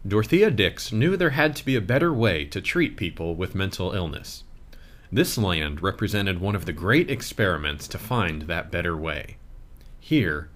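Expressive male audio tour narrator. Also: low voice. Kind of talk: scripted narration.

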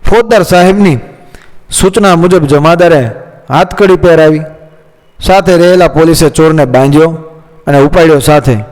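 A man's voice: a little high, normal speed, pauses often, darkish tone. Man narrating with long reverb. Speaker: storyteller. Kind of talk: moral story narration.

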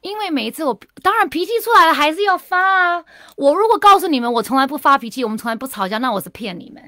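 A woman's voice: sits high, expressive, fast, fairly bright tone. A middle-aged woman, a radio guest, talking candidly and with animation about marriage, dropping in English phrases. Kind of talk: casual radio interview.

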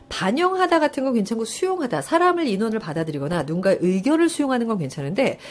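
A woman giving a live online lecture for an English listening test, coaxing students with questions and laughing as she explains. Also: on the high side. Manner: lively, coaxing, asks students questions and answers herself; laughs often while explaining.

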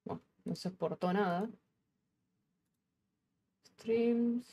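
A woman with a Rioplatense Argentine accent, her voice sitting a little low. She hosts a casual live coding stream, talking her way through the work. She thinks aloud and swears without a second thought. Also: fairly even intonation, a little slow, a little mellow, slight background noise. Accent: Rioplatense Argentine Spanish.

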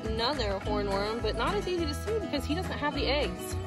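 Loud music plays beneath this young woman's high, animated voice as she talks fairly quickly to her phone at arm's length. A homestead vlogger, she stays chatty and cheerful while working in her backyard garden.

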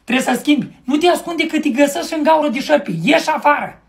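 A man voicing a loud, nagging rural young wife in a comedy sketch, shouting in a shrill voice. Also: gravelly.

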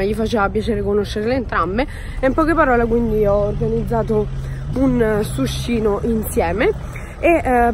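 A woman's voice: on the high side, noisy background. A young woman vlogger, chatting casually with lots of fillers and jokes into a handheld phone. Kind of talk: casual vlog chat.

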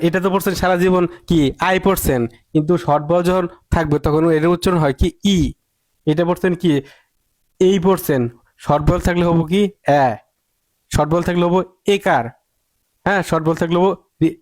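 A man's voice: high voice, steady tone, quick pace, a little mellow, no room sound. A man teaching an English reading lesson, emphatic, often repeating points and asking rhetorical questions.

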